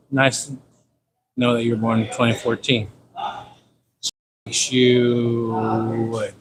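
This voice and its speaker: A man in his fifties from San Diego hosts a livestream, chatting in a mid-range voice with a Californian American accent. His rambling talk is loose and slangy, and he often repeats himself. The recording carries plainly noisy ambient audio.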